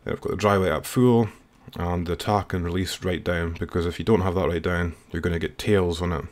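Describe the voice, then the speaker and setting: This man's voice sits low and steady, and he talks fairly quickly. He's a music producer giving a casual, informal screen-recorded software tutorial, explaining things somewhat hesitantly, with the voice-over captured while he works at his computer.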